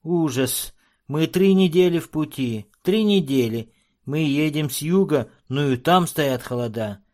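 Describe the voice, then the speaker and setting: A shrill, shivering little dwarf. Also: male voice, animated, unhurried, a little mellow. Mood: whining, complaining. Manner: shrill, bleating, exclaiming. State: trembling with cold. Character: shivering, whining little male dwarf gun trader. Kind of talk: audiobook character voice.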